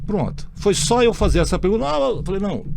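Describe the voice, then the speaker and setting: A man's voice: high-pitched, sing-song, fast talker, gravelly, over music. A man from Brazil hosting a casual chat, telling anecdotes bluntly, swearing freely and acting out the people in his stories. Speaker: podcast host.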